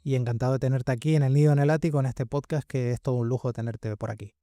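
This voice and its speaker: A man's voice: mid-range voice, steady tone, fast talker, dark tone, dry recording, clean studio sound. A man who hosts a podcast, asking interview questions and adding short, encouraging replies. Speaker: podcast host.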